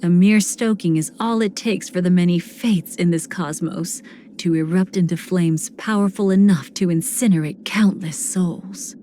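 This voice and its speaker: An actress playing a seductive, sinister woman cremator in a video game, speaking in a languid, theatrical way with breathy, whispered phrase endings. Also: on the low side, normal speed, warm tone, slight background noise, natural voice. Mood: cool, haughty. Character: seductive, sinister woman cremator who savors betrayal and decay. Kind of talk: video game character voice lines.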